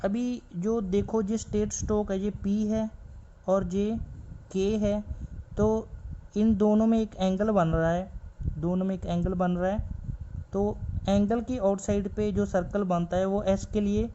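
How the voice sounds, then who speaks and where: Guy teaching shorthand real slow, mellow voice, kinda dull lo-fi audio w a little hiss. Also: high voice, steady tone. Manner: slow and patient, repeats each word several times. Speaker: stenography teacher. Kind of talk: shorthand lesson, explaining while writing. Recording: slightly dull lo-fi recording with faint background noise.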